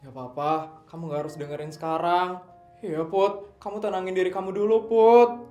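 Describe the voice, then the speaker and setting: A man's voice: high voice, fairly even intonation, a little fast, lightly acted. A man voicing a group of supportive teenage schoolgirl friends who comfort and chat casually. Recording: echoey room, faint music.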